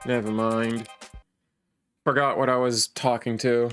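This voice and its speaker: A man's voice: mid-range voice, little pitch movement, unhurried, a bit bright, smooth, soft background music. Wry man streaming a story game. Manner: wry, dry humor. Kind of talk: casual game commentary and read-along.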